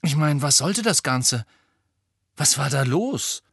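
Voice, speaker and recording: A man's voice: on the high side, lively intonation, slow, a bit bright, breathy edge, no room sound, clean studio sound, pitched above the performer's own voice, exaggerated voice. A man reading an audiobook, voicing an indignant, flustered teenage boy wizard who stammers when upset.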